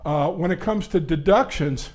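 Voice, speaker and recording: Here a man in his sixties, a labor law attorney, presents a seminar at a conference, his fairly high voice carried by a handheld or stand mic in the session room. He talks fast and loud in a chatty lecturing style, with "uh" fillers coming often.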